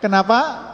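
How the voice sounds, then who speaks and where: A high-pitched male religious teacher, speaking in a loose, chatty way and teasing the women in his audience. His voice rings out in a big hall with a long echo trailing behind each phrase. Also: lo-fi sound. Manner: chatty, teasing, addresses women listeners directly. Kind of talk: casual Friday religious talk.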